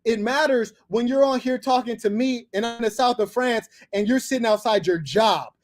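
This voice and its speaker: Hosting a livestream from abroad, a man from Los Angeles berates a caller with insults and profanity in a heated, domineering way. He speaks at a moderate pace in a very high-pitched voice.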